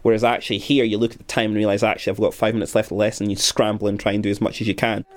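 Young man, somewhat low voice, primary teacher, earnest, measured reflective talk. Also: level tone. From Scotland.

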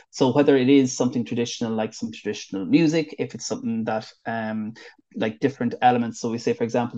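A man's voice: medium pitch, mellow. A man with an Irish accent, a wedding celebrant from the northwest of Ireland, chatting in an interview with lots of fillers and restarts. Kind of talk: casual interview chat. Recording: dull lo-fi audio.

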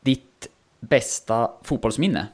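A man interviewing a footballer, asking questions in a measured way with many fillers. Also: mid-range voice, very noisy.

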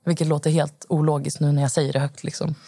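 Low, gravelly-voiced young woman recounting. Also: flat delivery, warm tone, dry recording. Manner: rambling storytelling with many fillers. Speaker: podcast guest. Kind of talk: personal account in casual conversation.

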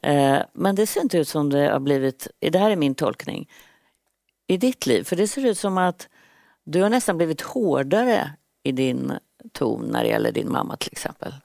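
A woman's voice: low-pitched, sing-song, vocal fry, darkish tone, no echo, studio quality. A woman interviewer hosting the talk, asking thoughtful, probing questions. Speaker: interviewer host.

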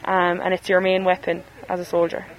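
A woman's voice: fairly low pitch, completely flat delivery, fairly quick, highs cut off. An Irish woman from Galway, an army corporal, answering interview questions informally. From Galway, Ireland. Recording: field recording with faint background noise.

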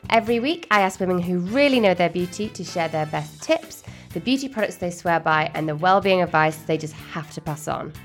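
A woman with a slightly low voice presents as a podcast host. She sounds polished and enthusiastic, in the style of scripted links and interview questions, over faint music. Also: expressive, brisk, few pauses. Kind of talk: scripted introduction and interview hosting.

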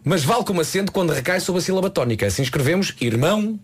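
A radio co-host talking in a lively, animated way in casual morning banter, reading quotations aloud with emphasis. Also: medium pitch, racing, husky. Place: radio studio.

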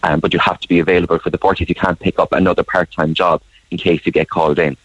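A man's voice: sits low, little pitch movement, fast talker, breathy edge, no room sound, highs cut off. A man from County Clare with a west of Ireland accent, talking conversationally as a guest on a radio phone-in. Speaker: phone-in guest, showbiz editor.

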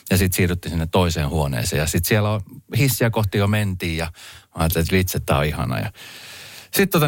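A male radio host telling a story in a chatty, animated way from a studio. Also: low voice, no echo. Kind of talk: casual on-air storytelling. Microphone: studio microphone.

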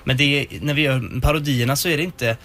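Bright-voiced male guest, hesitant. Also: mid-range voice. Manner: relaxed, hesitant with many fillers. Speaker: guest comedian. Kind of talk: radio interview. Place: radio studio.

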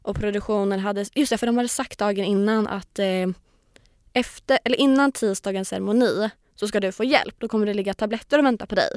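A woman's voice: mid-range voice, no echo, studio quality. A young woman chatting on a podcast as a guest, animatedly telling a story, acting out quotes and swearing casually. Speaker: podcast guest, former reality show contestant.

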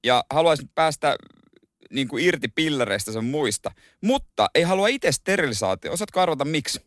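A man's voice: on the high side, very animated, fairly bright tone, no echo. A man co-hosting a radio show, trading teasing jokes in casual chat. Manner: teasing, joking banter. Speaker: radio co-host.

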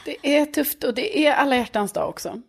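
A woman's voice: sits high, animated, vocal fry, slightly rough. A woman in casual chat who mostly listens, agrees with short replies and offers guesses of her own.

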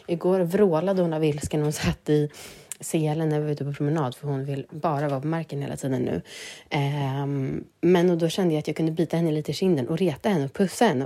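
A woman's voice: low voice, mellow. A woman in her thirties hosting a podcast, talking candidly and animatedly about life with her baby, laughing often. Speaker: podcast host and new mother. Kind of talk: casual podcast chat.

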